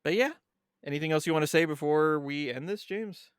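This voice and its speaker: A man's voice: on the high side, brisk, smooth, no echo, clean studio sound. A man co-hosting a podcast in a casual chat, reading background notes aloud and then chatting loosely. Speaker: podcast co-host.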